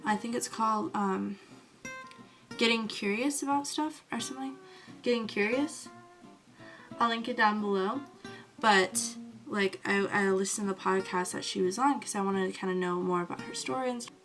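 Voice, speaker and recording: A woman vlogging casually about skincare, gushing and excitable, with "like" in almost every phrase. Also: mid-range voice, normal speed, soft background music. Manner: gushing, excitable, fills talk with "like". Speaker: beauty vlogger. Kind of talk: casual storytelling to camera.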